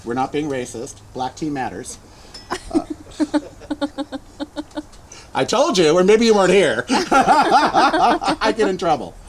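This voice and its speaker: Animated, campy older male host. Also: high-pitched, takes it slowly, long pauses, a crowd in the background, rough recording. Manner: playful, campy joking with guests. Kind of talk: casual talk show chat.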